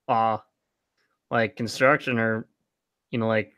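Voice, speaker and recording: A man's voice: lowish voice, little pitch movement, slow pace, fairly bright tone, clear, resonant tone. A man co-hosting a tech podcast, talking casually and hesitantly, full of "like" and "you know". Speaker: podcast co-host.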